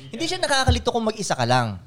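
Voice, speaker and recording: High-voiced man telling a story fast. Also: crowd noise. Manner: animated, laughing, mimics voices and swears. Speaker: podcast host telling a story. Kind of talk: casual storytelling chat.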